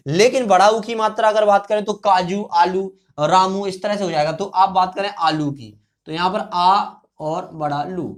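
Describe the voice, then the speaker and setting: A Hindi teacher giving a classroom-style grammar lesson at a board, talking patiently, repeating words, and answering their own questions. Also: medium pitch. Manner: fills pauses with a checking "okay".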